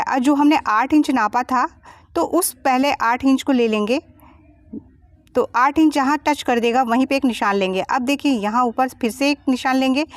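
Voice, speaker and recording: A woman's voice: a little high, dry recording. Patient woman teaching blouse cutting. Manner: patient, explaining each step. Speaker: sewing teacher. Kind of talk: step-by-step tutorial voice-over.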